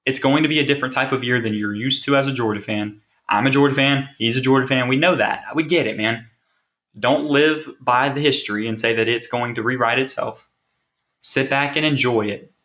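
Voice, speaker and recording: A man's voice: medium pitch, a little fast, pushed and bright. A man hosting a sports podcast, talking casually and driving points home with rhetorical questions. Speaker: podcast host.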